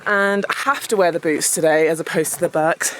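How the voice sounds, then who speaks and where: A woman's voice: deep voice, steady tone, fairly quick, slight background noise, rough recording. A woman talking casually to a handheld camera outdoors on a mountain hike, out of breath. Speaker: travel vlogger.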